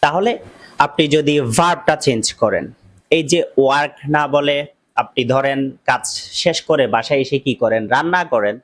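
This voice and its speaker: A man giving an English lesson to workers abroad. He says each English phrase very slowly and deliberately, then speeds up a little to explain. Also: medium pitch. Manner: very slow and deliberate on the English phrases, chattier and faster in between. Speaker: English teacher. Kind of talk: slow spoken English lesson.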